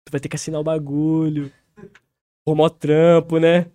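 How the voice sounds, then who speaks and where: Man, young adult, São Paulo accent, street slang, laid-back storyteller, slightly high voice, dry close sound. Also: flat delivery, moderate pace, dark tone, dry recording. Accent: São Paulo Brazilian Portuguese. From interior of São Paulo state, Brazil. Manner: laid-back, laughs through the story, acts out other people's lines. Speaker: rapper guest.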